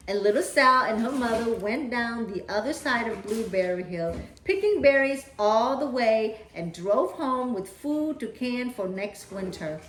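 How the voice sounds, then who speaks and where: A woman reading and talking to children as a storyteller, with deliberate, emphatic phrasing. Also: fairly high pitch, animated, slight background noise. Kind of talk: children's read-aloud storytelling. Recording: echoey, roomy sound.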